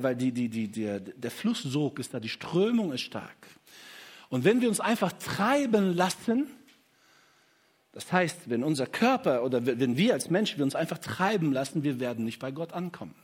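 Male preacher, fairly high husky voice, lively sermon delivery, talks to the congregation. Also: normal speed. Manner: lively, stresses quoted verses loudly, many restarts and fillers; addresses congregation with "hey", "oder?", "ja?".

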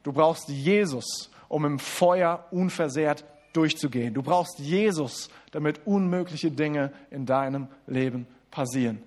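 A man preaching a sermon in German. He speaks straight to the listeners, stumbles and restarts often, and switches between quick asides and slow, stressed lines. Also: fairly high pitch. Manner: addresses listeners directly as du, with many restarts and fillers.

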